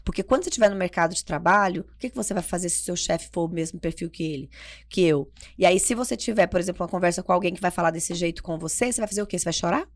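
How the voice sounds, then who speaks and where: Woman, podcast co-host and consultant; energetic, emphatic delivery with gravelly fry. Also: on the low side, racing. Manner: energetic, emphatic, explains with everyday examples. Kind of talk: conversational podcast talk.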